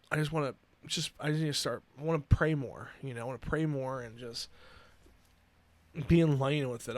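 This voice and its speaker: A man in his twenties hosting a solo podcast, earnest and emotional, talking haltingly with many restarts. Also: medium pitch, no room sound. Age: 20s. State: emotional, near tears. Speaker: podcast host. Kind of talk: personal solo podcast talk.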